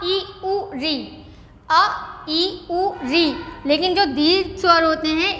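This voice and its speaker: A woman's voice: very high voice, pushed and bright, a little hiss or hum. A woman teacher giving a patient classroom lesson, asking the class questions and repeating the answers. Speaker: school teacher. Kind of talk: classroom lesson on vowels, dictating slowly. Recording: echoey classroom with long reverb.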